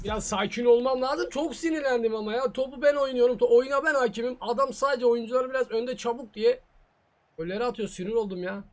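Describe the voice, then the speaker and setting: A man's voice: extremely high pitch, fast. A gaming YouTuber reacting to his own soccer video game match, muttering in frustration and taunting his opponent. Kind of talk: live gameplay commentary.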